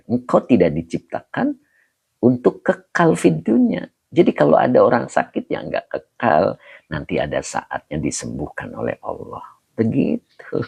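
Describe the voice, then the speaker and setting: A man teaching Arabic grammar in an online study session, relaxed and chuckling often, drawing out Arabic slowly. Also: low-pitched, vocal fry, breathy edge, dry recording. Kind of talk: online livestream lesson, reading comments.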